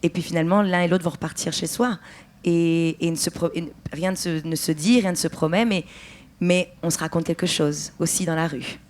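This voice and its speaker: A woman's voice: lowish voice, fairly even intonation, normal speed, darkish tone, a little hiss or hum. Thoughtful woman, stage writer. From France. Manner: thoughtful, searching for words with restarts. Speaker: actress and writer, interview guest. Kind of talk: festival interview.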